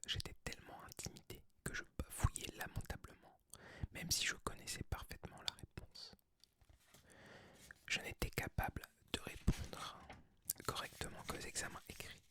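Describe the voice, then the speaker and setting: A person of unclear sex whispering softly and breathily, as in a library, in an ASMR book reading. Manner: soft, hushed library whisper. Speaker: ASMR creator reading aloud.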